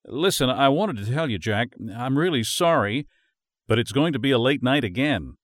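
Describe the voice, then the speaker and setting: A male narrator voicing a busy, distracted working wife, talking fast and apologetically. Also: mid-range voice, lively intonation, dry recording, studio quality, voice pushed up, close to an everyday voice. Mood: hurried, apologetic. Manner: hurried, apologetic, breezy.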